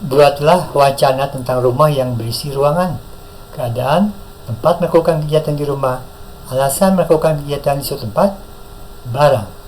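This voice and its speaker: A man with an Indonesian accent teaching a Japanese class, drilling words slowly and praising the learners often. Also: on the high side, a little mellow, slight background noise, low-quality recording. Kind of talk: classroom lesson with call-and-repeat drills.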